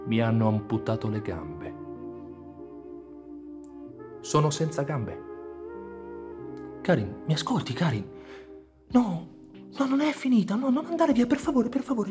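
A man playing a maimed young soldier, deaf and blind and trapped in his body, in a dramatic monologue, swinging between anguished cries, whispers and numb calm. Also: medium pitch, lightly acted. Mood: dazed, numb. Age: young adult.

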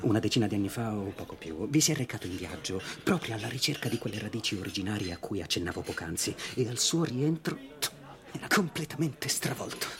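A man playing an eager, flustered newspaper reporter in a radio drama, wordy, fussy and excitable. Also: lowish voice, quick pace, crowd noise. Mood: earnest, explanatory. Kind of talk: scripted radio drama acting.

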